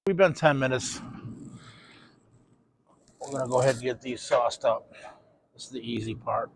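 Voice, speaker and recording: A man's voice: mid-range voice, normal speed, vocal fry, background noise. A man hosting a barbecue cooking video, casually walking viewers through smoking and saucing ribs, then tasting them. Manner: relaxed, talks with his mouth full while tasting. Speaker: BBQ cooking channel host.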